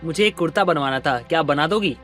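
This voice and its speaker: A man voicing a polite, hurried young male customer in a cartoon story. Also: on the high side, fairly bright tone, faint music behind, lightly acted.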